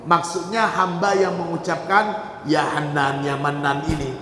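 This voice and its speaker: A man's voice: on the high side, flat delivery, a little slow, background noise. A man teaching a religious text to students, reading out Arabic phrases and explaining each one in turn. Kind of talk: kitab study sermon. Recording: echoey hall with long reverb.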